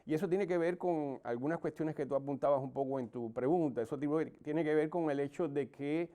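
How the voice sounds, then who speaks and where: A man's voice: a little high, brisk, warm tone. A man with a Cuban Caribbean Spanish accent giving formal, explanatory analytical answers as an expert interview guest. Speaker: guest economist and academic.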